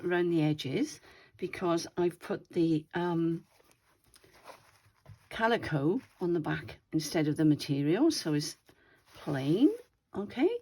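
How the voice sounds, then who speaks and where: In a slightly wheezy, lowish voice with a darkish tone, an older craft video host chats about her project at home. The show-and-tell is casual, and her manner meanders, chatty and prone to self-correction.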